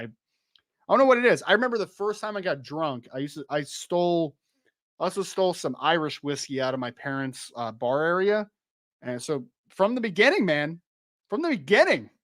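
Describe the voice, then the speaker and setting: A young man whose voice runs on the high side and a bit bright, though slightly worn from losing it, chats through a live-stream podcast and reads from the chat. He's rambling and quick to laugh, full of restarts and "like," and the dry recording is studio quality.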